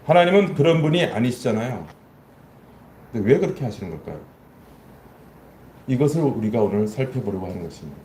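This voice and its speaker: A man preaching a Sunday sermon as pastor, animated, asking his congregation questions and acting out lines in a spoken voice. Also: mid-range voice, brisk, long pauses, reverberant, slight background noise. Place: church sanctuary.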